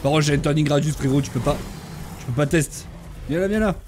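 A young man giving excitable, slangy live commentary while playing a video game, often calling out to other players. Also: a little high, a little fast, background noise. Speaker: gaming streamer.

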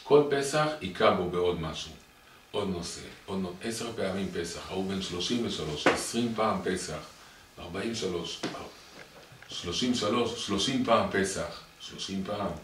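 A man teaching a Torah lesson as rabbi to a small group, animated and repetitive, often tossing questions back to his listeners. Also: low-pitched. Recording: echoey room, far from the mic, noisy.

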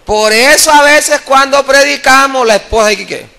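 A male evangelist preaching a sermon at a church convention, impassioned, calling for applause and swinging between loud and soft. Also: very high-pitched, normal speed, gravelly.

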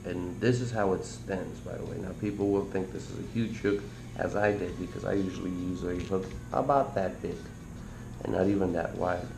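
Gravelly deep-voiced man in an echoey room. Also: moderate pace, over music. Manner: rambling, relaxed, explains as he goes. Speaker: fishing channel host. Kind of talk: casual tutorial talk to camera. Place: indoors at a kitchen table by a window. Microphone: camera on the table close to him. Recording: echoey room with background noise.

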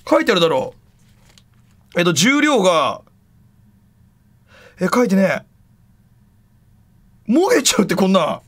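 Guy streaming, slangy and loud, bouncy voice that jumps around a lot, talks to himself while messing with stuff. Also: sits high, big pitch swings, a little slow, pauses often. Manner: rough slangy speech with loud exclamations. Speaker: live streamer. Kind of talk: casual live-stream chat.

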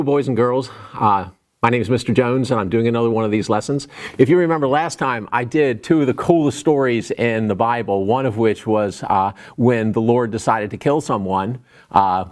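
A middle-aged man giving a recorded Bible lesson to children in an animated storytelling way, acting out the quotes he tells. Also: mid-range voice.

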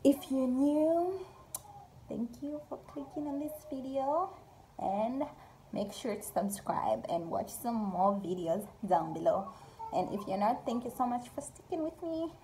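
A young adult woman from Zambia, a YouTuber, rambles casually with lots of fillers in a get-to-know-me vlog, talking to her phone camera held at arm's length in a small room. Her voice sits on the high side, expressive and a little slow, with a dark tone and slight background noise.

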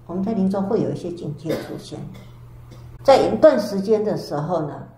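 An older woman, a Buddhist nun, giving a storytelling dharma lecture with drawn-out sentence particles. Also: mid-range voice, expressive, mellow. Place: temple lecture hall. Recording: echoey hall with faint background hiss.

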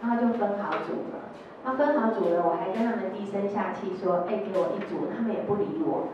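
A woman's voice: mid-range voice, fast, a little mellow, slight background noise. A middle-aged woman with a Taiwanese Mandarin accent, an educator telling stories in a workshop and acting out the quotes in them. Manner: storytelling, acting out quotes, tag particles. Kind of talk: lecture with told anecdotes. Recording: echoey hall, distant lo-fi sound.

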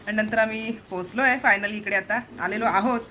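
A woman's voice: medium pitch, fairly quick, bright, forceful tone, slight background noise. A woman from the Konkan in India, chatting casually and rambling to her viewers in a home vlog, laughing often. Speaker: vlogger.

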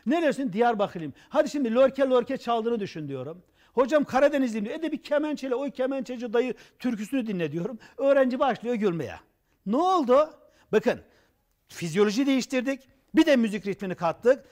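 A man with a strikingly high voice delivers a coaching monologue in a TV studio. He acts out little scenes as he talks and keeps firing rhetorical questions at the viewers. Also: fairly quick. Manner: animated, acts out examples with gestures. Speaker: personal development coach. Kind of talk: TV talk show monologue.

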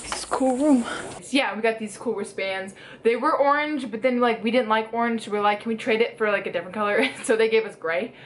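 A teenage girl vlogs around a resort hotel room and grounds, holding the camera at arm's length and chatting in a casual, giggly way. Her voice is a little high and fairly quick, with a bit of hiss or hum in the audio.

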